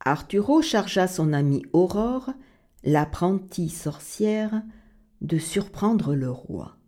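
A woman reading a children's story aloud, expressive and sing-song. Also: on the low side, slow.

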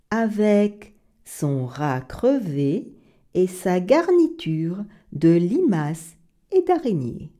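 Expressive woman reading a storybook. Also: on the low side. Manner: expressive, sing-song, dramatic.

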